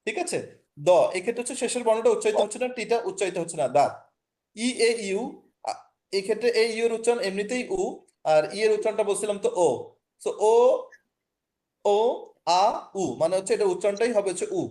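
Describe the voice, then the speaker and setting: A man's voice: high-pitched, a little fast, long pauses, darkish tone. A man with a Bangladeshi Bengali accent, teaching an online language class over a video call, explaining patiently, repeating points and often checking that students follow.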